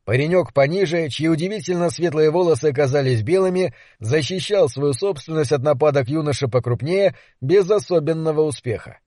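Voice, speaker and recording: Man reading a fantasy audiobook, slightly high voice, steady, dry. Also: brisk, few pauses, no echo. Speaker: audiobook narrator. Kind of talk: scripted narration.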